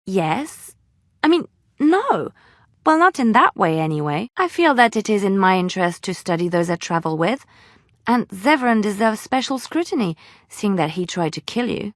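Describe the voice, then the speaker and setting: A woman's voice: mid-range voice, no echo. Leliana, an earnest woman bard, close and dry. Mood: curious, measured. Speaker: voice actor in a fantasy role-playing game. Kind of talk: dramatic video game dialogue.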